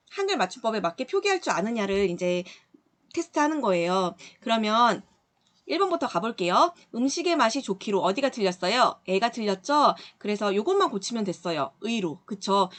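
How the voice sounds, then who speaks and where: Patient woman teaching a lesson. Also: medium pitch. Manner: patient, explanatory, checks in with "그쵸?" and "예". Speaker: middle school Korean teacher. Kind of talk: recorded online lesson, working through exercises.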